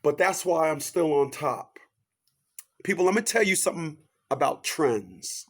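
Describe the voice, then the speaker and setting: This fifty-something man preaches motivation, posing rhetorical questions and returning again and again to his catchphrases. His intonation is lively and his delivery unhurried, moving between loud, high outbursts and quiet asides.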